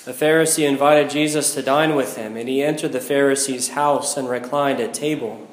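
American priest, echoing in a big church. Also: male voice, mid-range voice, fairly even intonation, normal speed. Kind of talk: liturgical Gospel reading and homily. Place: inside a large church. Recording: echoing large church hall.

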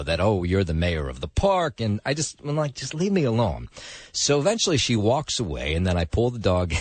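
A man hosting morning radio news, telling a casual story in a chatty, relaxed way. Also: medium pitch, breathy edge, no room sound. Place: radio studio.

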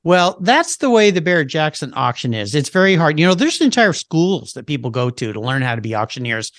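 Man, radio interview guest, slightly high voice, chatty, enthusiastic, dry close recording. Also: big pitch swings, fairly quick, fairly bright tone, no echo. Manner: chatty and enthusiastic, with many fillers. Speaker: car show host and guest expert.

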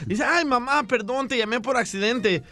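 A man hosting a radio comedy show, telling jokes and acting out the voices in them. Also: normal speed. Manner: acts out voices in jokes, high and loud.

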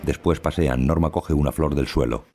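A man reading scripted audio description in a calm, even voice. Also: moderate pace, slight background noise. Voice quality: very deep and gravelly.

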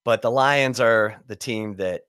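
A man's voice: mid-range voice, a little slow, smooth, no echo, studio quality. Chatty man hosting a sports podcast. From Michigan. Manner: chatty storyteller, warm welcomes. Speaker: podcast host. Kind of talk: casual sports podcast chat.

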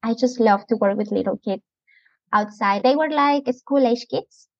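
A woman from Ecuador speaks with a Latin American Spanish accent, her voice a bit high and gravelly with fry. She chats eagerly about her work as a guest, laughing along the way. The recording is dry and muffled. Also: moderate pace, dry recording. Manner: enthusiastic, chatty, laughs often. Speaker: outdoor preschool educator, guest. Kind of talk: casual interview chat. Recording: muffled lo-fi podcast audio.

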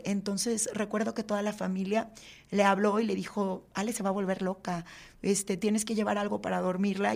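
A woman speaks as an interview guest in a voice of middling pitch. She tells her story earnestly and haltingly, filling pauses with "este" and "eh". She often sinks into a quiet, subdued tone. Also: gravelly. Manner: earnest, halting, with frequent fillers. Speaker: podcast guest.

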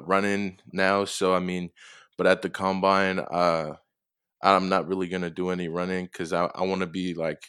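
A young man from Tonga, a football player being interviewed, answering in a soft, hesitant way with many fillers. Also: low voice, clear, resonant tone, no room sound, studio quality. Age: young adult.

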